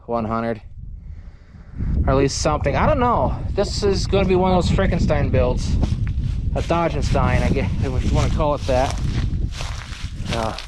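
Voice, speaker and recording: A man's voice: medium pitch, expressive, normal speed, pauses often, heavy background noise. Rambling man musing about an old truck. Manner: rambling, thinking aloud with many fillers. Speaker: channel host. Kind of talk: casual vlog commentary.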